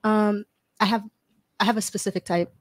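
A woman, a podcast guest giving halting, hesitant answers. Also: mid-range voice, steady tone, dry recording, studio quality. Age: 20s. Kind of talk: casual panel chat.

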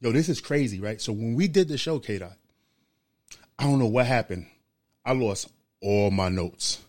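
A young man co-hosting a casual podcast, telling stories in a lively, slangy way. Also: medium pitch, normal speed, no room sound, studio quality. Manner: animated storyteller, slangy and laughing. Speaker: podcast co-host.

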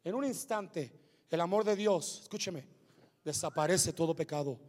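A male pastor preaching a sermon, moving between shouted climaxes and hushed asides. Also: on the high side, normal speed, long reverb tail. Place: church sanctuary with congregation.

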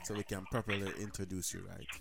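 A man hosting a live call-in podcast, talking in a loose, excitable, slangy, rambling way. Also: deep voice, fast talker, creaky, loud music behind the voice. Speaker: podcast host. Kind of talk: casual live call-in chat.

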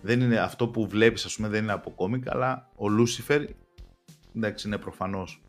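A young man chats casually as a podcast co-host, wandering through his points with many restarts. His voice sits on the low side, and faint music plays behind him. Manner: rambling, many restarts and fillers. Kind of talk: casual chat about TV series.

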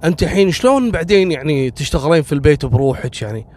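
A man's voice: on the high side, expressive, rapid-fire, darkish tone. Guy doing a brushing-off grown son, short with his mom. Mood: curt. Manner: curt, dismissive. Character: weak-willed grown son, curt and dismissive.

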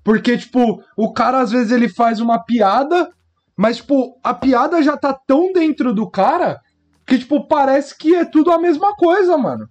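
A man's voice: very high voice, animated, moderate pace, darkish tone, muffled recording. A Brazilian man co-hosting a podcast, trading slangy jokes and laughing often in casual banter. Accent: Brazilian Portuguese. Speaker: podcast co-host.

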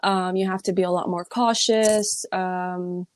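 A young woman from the Middle East or North Africa, chatting in a relaxed, reflective way with frequent ums and likes. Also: lowish voice, a little slow, no room sound. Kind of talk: casual chat.

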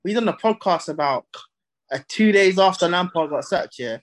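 A man's voice: high-pitched, animated, moderate pace. A young man with a London roadman accent, hosting a casual football chat in street slang. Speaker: football podcast host.

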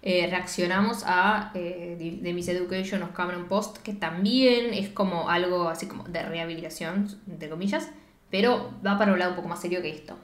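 A woman's voice: fairly low pitch, moderate pace. Young Rioplatense woman, casual co-host, retells scenes and quotes the characters; roomy echo. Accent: Rioplatense Spanish. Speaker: co-host reviewing a film. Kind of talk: casual chat. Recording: echoey room.

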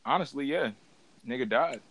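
A man's voice: mid-range voice, normal speed, fairly bright tone, no room sound. A man hosting a casual podcast with friends, loose, profane and a little drunk, laughing often. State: tipsy. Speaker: podcast host.

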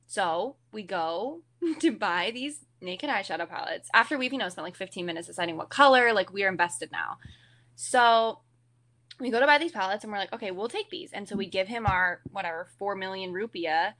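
A young woman guest on a podcast, telling an animated anecdote in casual chat and saying "like" a lot. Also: mid-range voice, moderate pace. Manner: animated storyteller, lots of "like".

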